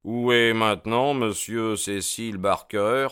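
A man voicing a sharp, methodical male detective who asks measured, courteous questions. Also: fairly low pitch, smooth, no room sound, studio quality, pitched above the performer's own voice. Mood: inquiring.

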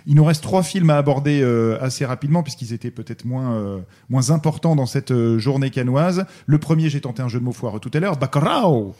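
A man hosting a casual film podcast, steering the talk in a quick, offhand way. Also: mid-range voice, dark tone. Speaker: podcast host.

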